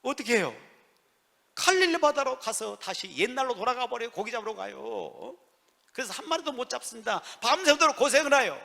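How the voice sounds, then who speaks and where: A male pastor preaching a sermon in a church, swinging from soft near-whispers to loud emphatic peaks. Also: extremely high pitch, expressive, brisk, gravelly. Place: church sanctuary. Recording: long church reverb.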